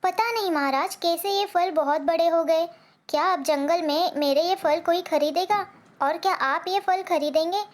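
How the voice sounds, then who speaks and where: A woman's voice: very high-pitched, moderate pace. A woman voicing a hardworking female sparrow farmer in a cartoon story. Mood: dismayed. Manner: hopeful then dismayed, earnest.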